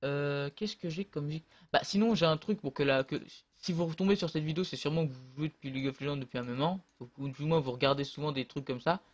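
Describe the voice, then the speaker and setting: A man talks through his own game in a loose, rambling way, stopping and restarting often. His voice sits a little high. He is recorded close on a desk mic. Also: fast talker, hardly any pauses. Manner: rambling, hesitant, many fillers and restarts. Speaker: gamer commentating his own match. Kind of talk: casual gameplay commentary.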